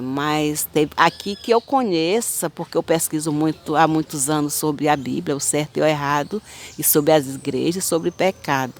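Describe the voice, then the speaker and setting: A woman's voice: deep voice, slight background noise. Brazilian woman in her fifties, rambling. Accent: Brazilian Portuguese. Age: 50s. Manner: rambling, repetitive, halting storytelling. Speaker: spiritual channel host. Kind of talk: personal testimony of dreams.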